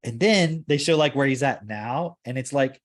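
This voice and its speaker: At a normal speed and with a mid-range voice, a male podcast host leads a casual discussion. He rambles through his points, using "like" again and again.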